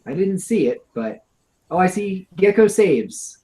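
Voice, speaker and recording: A man's voice: sits high, big pitch swings, a little slow, mellow, poor audio. A man running a tabletop game as game master over a video call, narrating with wry humor and calling rules. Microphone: home computer mic on an online video call.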